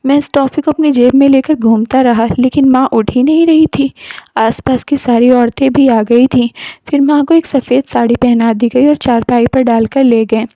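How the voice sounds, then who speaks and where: A woman narrates an emotional story in a slow, scripted storytelling manner. Her voice sits fairly high but has a mellow, darker tone. The recording is close and dry. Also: fairly even intonation, no echo.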